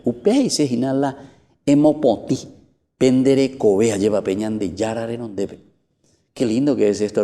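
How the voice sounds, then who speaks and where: A man with a Paraguayan Spanish accent, his voice fairly low and mellow, delivers an emphatic sermon as a priest, building up to exclamations. A long church reverb trails his words.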